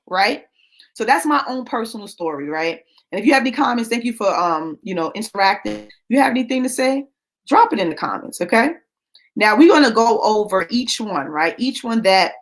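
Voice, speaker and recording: A woman in her late thirties hosting a live show, talking casually to her viewers, animated and laughing, calling them y'all. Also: mid-range voice. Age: late 30s. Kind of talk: casual livestream talk to viewers.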